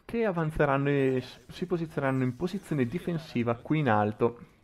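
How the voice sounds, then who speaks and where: Delivering live play-by-play of a video game match, this male esports commentator often circles back to restate and rework what he says. His mid-range voice is slightly mellow and fairly quick.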